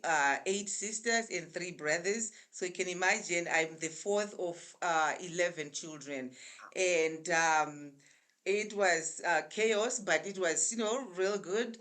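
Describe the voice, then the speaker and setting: Speaking over a remote call, a woman in her sixties with a Zimbabwean accent and a fairly low voice tells her story as a guest in a casual interview. She's chatty and unhurried, often pausing to collect her thoughts.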